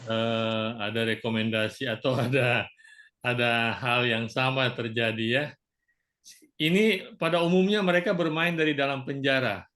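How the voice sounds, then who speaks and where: A man's voice: medium pitch, moderate pace, a bit bright. Man hosting an online church meeting. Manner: friendly, many "eh" and "ya". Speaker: small-group host. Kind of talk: moderating an online prayer meeting.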